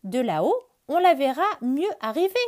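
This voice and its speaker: A woman's voice: high voice, sing-song, normal speed, a little mellow, voice pushed up. A woman doing a chirpy hopeful bird.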